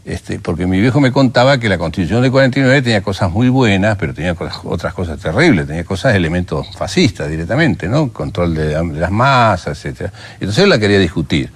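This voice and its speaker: Older man, Argentine Rioplatense accent, lowish voice, lively swooping pitch, documentary interview memories. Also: fast talker, few pauses, husky. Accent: Argentine Rioplatense Spanish. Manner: animated storyteller who acts out remembered dialogue.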